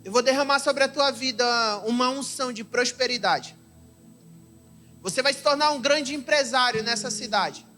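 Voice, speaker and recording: A young adult man with a Brazilian accent, an evangelist preaching an emotional sermon with personal testimony at a church service. He swings from loud exclaiming to soft confiding and keeps calling the listeners "irmão". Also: very high voice, normal speed, soft background music. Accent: Brazilian Portuguese.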